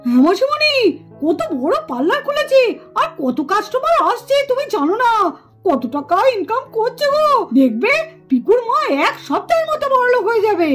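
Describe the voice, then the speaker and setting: Cartoon boy, pushy and enthusiastic, coaxing, shrill very high voice, animated pitch. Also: normal speed, faint music behind, exaggerated voice. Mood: boastful. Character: lively cartoon boy, eager schemer.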